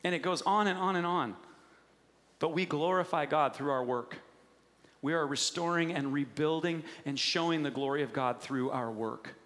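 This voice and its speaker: Pastor guy preaching, kinda high voice, big echoey church hall, acts out stories. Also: moderate pace. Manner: animated storytelling with acted-out quotes. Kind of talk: sermon.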